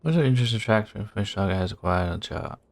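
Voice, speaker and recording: Gravelly deep-voiced man playing a game. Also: expressive, rapid-fire, no room sound. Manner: muttering thoughts aloud, wry. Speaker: gaming channel host. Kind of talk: casual let's-play commentary.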